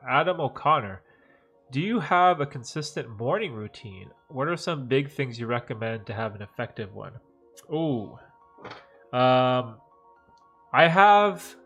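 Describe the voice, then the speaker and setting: Congested and slightly nasal from dust allergies, a thirtysomething livestream host rambles easily through viewer questions in a medium-pitched voice. He tosses in "like" and "right?" all the time while soft music plays faintly underneath.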